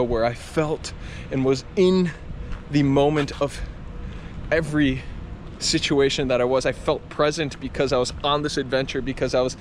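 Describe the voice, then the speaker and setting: A man talking reflectively to camera in an earnest, confessional way, as a running vlogger. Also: medium pitch. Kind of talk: reflective vlog talk to camera. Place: outdoors on a campus. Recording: clear outdoor traffic and ambient noise.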